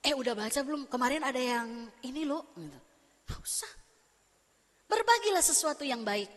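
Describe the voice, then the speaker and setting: A woman pastor preaching a lively, fast-talking sermon and acting out bits of everyday conversation with her congregation. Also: high voice. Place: church sanctuary. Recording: long church hall reverb.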